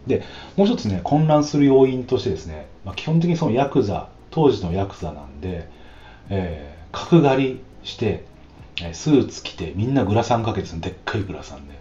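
A man with a very deep, mellow voice talks through a casual solo podcast, his pitch swinging widely as he chats. He fills pauses with long drawn-out "um"s. The lo-fi recording sounds slightly dull, with faint hiss behind him. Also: big pitch swings, roomy sound. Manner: chatty, with frequent drawn-out "um" fillers. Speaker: podcast host.

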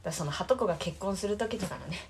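A woman's voice: on the low side, expressive, very fast, creaky, a little hiss or hum. A woman in her thirties co-hosting a casual chat, telling stories and laughing along the way. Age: 30s. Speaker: podcast co-host.

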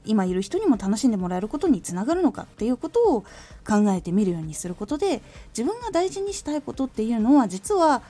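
A woman hosting a solo talk podcast, calmly and thoughtfully explaining her advice as a former voice actor. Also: medium pitch. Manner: calm, reflective explaining. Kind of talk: solo talk radio monologue.

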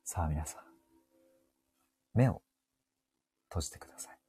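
A man playing a shady spiritual seminar guide who leads a slow, hushed meditation, as a whispered role-play. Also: close to an everyday voice.

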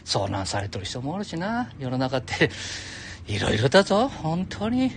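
Gruff older man, heavy ramble. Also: mid-range voice, wildly swooping pitch, normal speed, background noise. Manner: gruff, jokey, talks to listeners as "お前". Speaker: solo audio show host. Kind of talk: rambling casual monologue. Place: outdoors beside a public toilet.

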